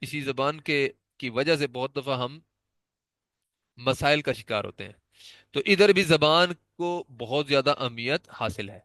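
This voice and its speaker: Teaching Quran recitation, a man speaks in an animated mid-range voice with a touch of brightness, recorded dry. He patiently walks through letter pronunciation, demonstrating the sounds again and again.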